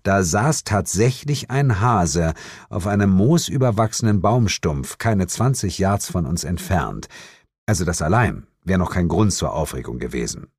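A man's voice: low voice, a little mellow, dry recording, clean studio sound. A man reading a first-person detective story aloud as narrator, with a wry, dryly humorous delivery.

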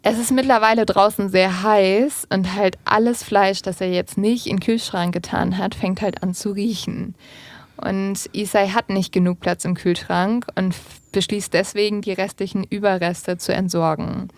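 A young woman tells a true-crime story in a loose, chatty way, with casual fillers as she goes. Her pitch sits in a middling range, and the recording is dry and close with no room sound. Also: fairly even intonation, moderate pace, no room sound. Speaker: podcast host. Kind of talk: true-crime podcast narration.

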